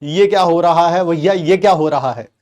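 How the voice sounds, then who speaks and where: A middle-aged man, a teacher telling a comic story from his childhood to his live class in an animated, teasing way. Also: a little high, moderate pace. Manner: animated and playful, teasing the class with rhetorical questions.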